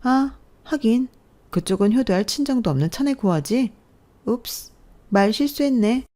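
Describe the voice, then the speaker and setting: A woman's voice: medium pitch, animated, normal speed, dark tone, voice pushed up, lightly acted. Woman doing a sneering snobbish sister-in-law. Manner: sneering, condescending.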